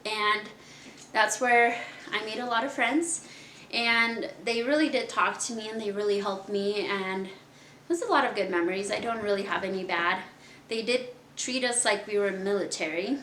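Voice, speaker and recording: Bright, chatty young woman in an echoey room. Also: medium pitch, normal speed, a little hiss or hum. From Kazakhstan. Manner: chatty and candid, laughs often. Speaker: podcast host. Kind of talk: casual personal storytelling.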